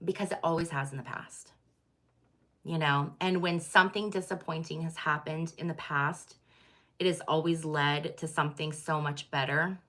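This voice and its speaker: Woman vlogging, chatty and candid, lots of "like" and "um", bright voice. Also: sits low, fairly even intonation, moderate pace. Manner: chatty, candid, many fillers and restarts. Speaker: tarot channel host. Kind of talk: casual chat to viewers.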